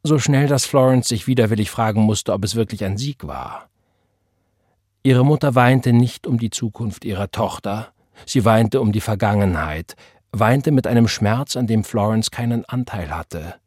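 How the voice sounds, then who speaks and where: A man reading a novel aloud in a measured, calm narration. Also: fairly low pitch, breathy edge, no room sound, studio quality. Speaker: audiobook narrator. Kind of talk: scripted narration.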